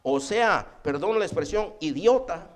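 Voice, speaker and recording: A man's voice: sits high, animated, a little slow. A man preaching a sermon as pastor, emphatic and constantly addressing his listeners as brothers.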